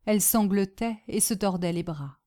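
A woman reading a classic story aloud in measured, even narration. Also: mid-range voice.

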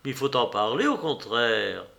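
A man voicing a sincere young male reporter who speaks in measured, earnest sentences. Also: medium pitch, very animated, creaky, sharp tone, exaggerated voice. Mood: kindly. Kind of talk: audiobook character reading.

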